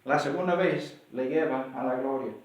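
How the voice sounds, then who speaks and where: A man with a Mexican accent preaching a sermon, acting out short dialogues to make his point. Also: moderate pace. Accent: Mexican Spanish. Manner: animated, acts out dialogues with rising pitch. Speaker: pastor. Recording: echoey room, voice from far off.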